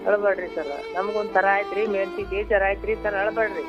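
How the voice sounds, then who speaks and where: A woman's voice: medium pitch, little pitch movement, fast talker. A woman from Raichur with a North Karnataka accent, earnestly consoling a caller on the phone and repeating herself. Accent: North Karnataka Kannada. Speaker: prank call target. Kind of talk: phone call. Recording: muffled phone line with music.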